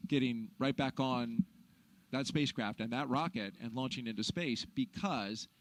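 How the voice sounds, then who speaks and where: A man's voice: medium pitch, normal speed, low-quality recording. A man hosting live space launch commentary and interviewing a guest. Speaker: broadcast host and commentator. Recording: faint background noise.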